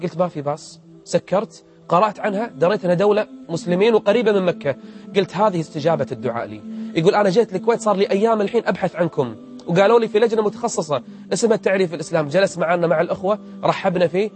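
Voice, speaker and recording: Fast-talking preacher man. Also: high voice, faint music behind. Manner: lively, retells dialogue in quotes. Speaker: Islamic preacher. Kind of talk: religious storytelling talk.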